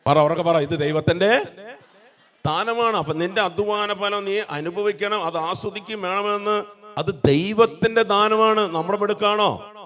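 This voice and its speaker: A man's voice: high-pitched, normal speed, pushed and bright. A man preaching a sermon to a congregation, asking questions and urging them to repeat his words back. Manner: exhorts the congregation to repeat after him; asks the crowd questions and prompts replies. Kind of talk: call-and-response sermon.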